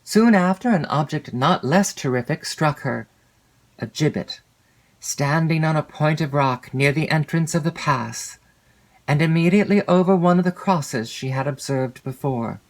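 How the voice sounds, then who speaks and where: This audiobook narrator, a woman with a low voice, reads from a classic literary novel. She paces herself carefully and expressively, drawing out the descriptive language.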